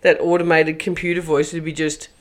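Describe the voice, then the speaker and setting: A woman's voice: on the low side, expressive, moderate pace. Chatty Australian woman co-hosting a podcast. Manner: chatty, laughs often, swears casually. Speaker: podcast co-host. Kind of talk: casual chat.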